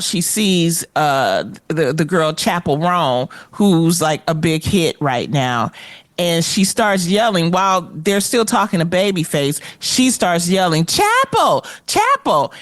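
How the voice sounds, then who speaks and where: Female co-host, lower voice, dry close sound, animated casual storyteller. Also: dry recording. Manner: animated storyteller, colloquial, acts out quotes. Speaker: co-host and red carpet correspondent. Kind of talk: casual talk-show chat.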